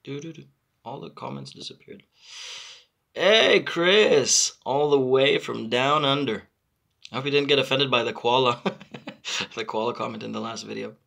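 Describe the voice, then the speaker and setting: A man in his thirties from Israel, hosting a casual live stream and answering viewer comments with halting, repetitive phrasing and many fillers. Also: medium pitch, creaky, pushed and bright. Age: 30s. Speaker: channel host.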